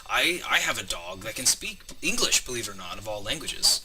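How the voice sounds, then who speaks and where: A man playing an eager dog owner who pitches his talking dog to an agent and pleads for one more chance. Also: big pitch swings, a little fast, recorded from a distance, heavy background noise.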